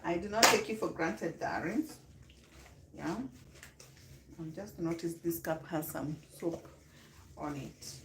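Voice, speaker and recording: Kenyan woman, live-stream host, unhurried easy delivery, chatty with viewers, faint hiss behind. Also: fairly low pitch, reverberant. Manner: chatty, greets viewers by name, mixes in Swahili phrases. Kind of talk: casual live-stream chat.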